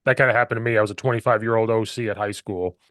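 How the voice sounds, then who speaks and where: A man hosting a podcast who tells stories quickly and with energy, acting out the quotes in them. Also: lowish voice, no room sound, clean studio sound. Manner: quick, animated storytelling, acts out quotes. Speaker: podcast host. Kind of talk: podcast interview.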